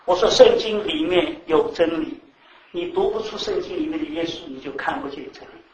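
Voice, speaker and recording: Male preacher, high voice, lively and repetitive, quizzing the room; off-mic in an echoey hall. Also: fairly quick, distant mic. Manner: animated, repeats words, laughs, asks the audience questions. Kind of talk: sermon. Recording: echoey room, speaker off-mic, faint background noise.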